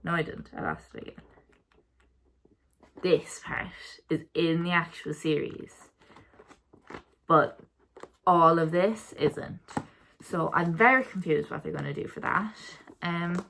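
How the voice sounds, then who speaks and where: A woman's voice: low voice, vocal fry, slight background noise. A young woman chatting casually about her month's reading, rambling and correcting herself as she goes. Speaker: book vlogger. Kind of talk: casual reading wrap-up chat.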